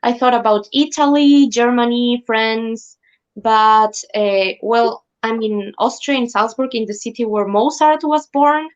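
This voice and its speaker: A woman's voice: a little high, fairly even intonation, unhurried, clear, resonant tone, dull audio. Earnest woman from Ecuador on a call. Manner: earnest, enthusiastic storytelling. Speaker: guest singer. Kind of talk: live stream interview.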